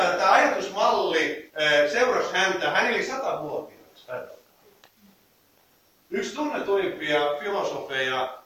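Male preacher, high bright voice, scripture readings mixed with loose explanation, far off in an echoey room. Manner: reads scripture, then explains with fillers and restarts. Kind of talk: sermon. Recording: echoey room heard from a distance.

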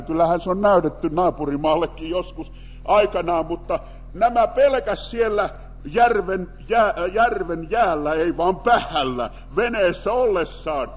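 A man preaching an animated sermon in speech, calling out to the congregation and bringing them in. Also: high voice, highs cut off. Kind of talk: lively sermon with audience participation. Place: church hall. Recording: long hall reverb.

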